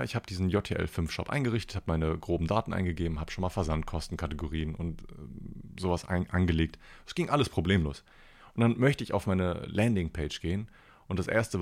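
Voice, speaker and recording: A man hosting a podcast, telling a rambling everyday story in a casual, self-deprecating way and swearing now and then. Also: darkish tone. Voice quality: deep gravelly voice. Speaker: podcast host.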